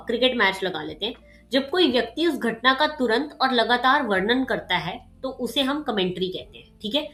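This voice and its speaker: A woman tutor with a slightly sharp voice, giving a casual exam-prep lecture. She explains with everyday examples and keeps checking in with "ठीक है" and "okay". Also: a little high, reverberant.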